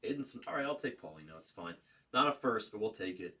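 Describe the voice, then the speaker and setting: A man's voice: fairly low pitch, sing-song, fast, pushed and bright. A man working as a card break host, giving casual running commentary and calling out names and serial numbers in short bursts. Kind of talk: casual running commentary while opening trading cards. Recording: distant mic with faint background noise.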